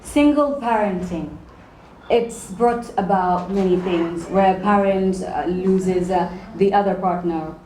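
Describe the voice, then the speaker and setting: A woman hosting a talk show, asking her guests measured questions. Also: medium pitch, dark tone. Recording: echoey studio with faint hum.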